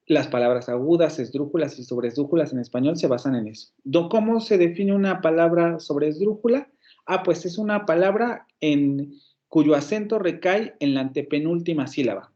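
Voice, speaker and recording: A man's voice: fairly high pitch, moderate pace, dark tone. Lecturing Mexican man, muffled call audio. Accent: Mexican Spanish. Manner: explanatory, thinking aloud with fillers and self-corrections. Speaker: university phonetics lecturer. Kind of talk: online lecture.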